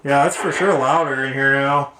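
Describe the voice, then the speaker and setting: The man's voice is medium-pitched, steady and sharp in tone, at a normal speed. As a video host he gives an offhand walkthrough of home rooms and a workshop, rambling in stop-start phrases, recorded in a clearly noisy room with clicks.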